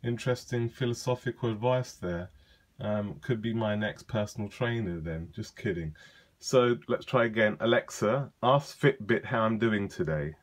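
Low-voiced man chatting casually. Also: moderate pace. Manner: relaxed, chatty, many ums and uhs. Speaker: tech vlogger demonstrating a device. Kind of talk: casual spoken demo.

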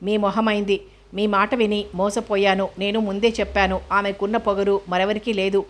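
A woman's voice: medium pitch, flat delivery, normal speed, close to an everyday voice. A woman reading the lines of a proud, resentful young husband who is a doctor, speaking sarcastically in a storybook reading. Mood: bitter. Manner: sarcastic and bitter.

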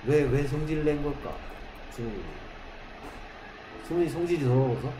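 A man with a slightly high voice teaches English grammar in a classroom, firing rhetorical questions at his students and drawing out English example sentences one word at a time. The room is echoey, with a faint hum behind him. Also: moderate pace.

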